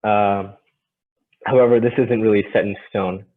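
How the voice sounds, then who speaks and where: A man giving an informal presentation, speaking in a hesitant, halting way. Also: on the low side, fairly even intonation. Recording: tinny, phone-like narrow band.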